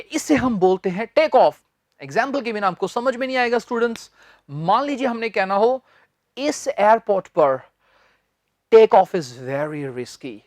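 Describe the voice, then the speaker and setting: A man's voice: very high-pitched, no echo, studio quality. A man teaching a spoken English lesson to Hindi speakers, spelling words out letter by letter and drilling their pronunciation.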